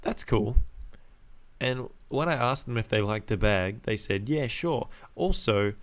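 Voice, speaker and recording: A man's voice: lowish voice, unhurried. A young man casually ranting as a podcast host, with laddish slang, heavy swearing and exasperated repetition for emphasis. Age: young adult.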